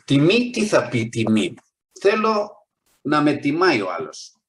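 A man's voice: a little high, huge pitch swings, slightly rough. A man preaching a sermon, earnest, rising on key points and acting out the people in his stories.

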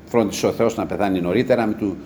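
A man preaching a sermon with passion, rising to loud cries and dropping to low murmurs. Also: a little hiss or hum.

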